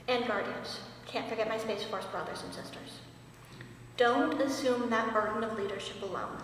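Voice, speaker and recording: A woman master sergeant addresses her cadets at a ceremony, earnest with dry humor. Her voice sits a touch high and rings through a large echoing hall. The mic is some distance away. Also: a little hiss or hum. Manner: earnest, wry, emotional at times. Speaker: master sergeant giving a promotion speech. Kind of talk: ceremony speech. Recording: echoey hall, mic far off.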